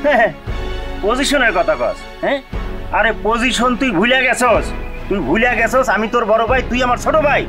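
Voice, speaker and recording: A man's voice: medium pitch, fairly quick, long pauses, lightly acted. A young man, playing an earnest, pleading elder son in a TV drama, with music underneath. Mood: angry. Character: dutiful elder son, jobless and worried. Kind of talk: TV drama acting.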